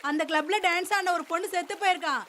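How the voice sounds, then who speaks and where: A shrill, anxious young wife. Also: female voice, fast, noisy background. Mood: insistent. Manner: urgent, insistent questioning. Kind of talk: comedy film acting.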